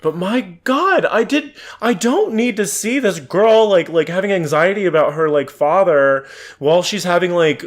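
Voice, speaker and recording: A man co-hosting a casual podcast about films, talking in quick, excitable bursts with frequent restarts and swearing. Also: high voice. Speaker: podcast co-host. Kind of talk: casual film review chat.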